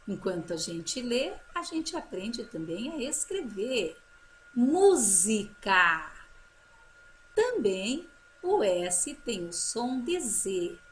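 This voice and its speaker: A woman teacher giving a children's phonics lesson, drawing out example words slowly and praising her pupils. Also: fairly high pitch, a little mellow, a little hiss or hum. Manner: slow drawn-out model words, encouraging teacher talk.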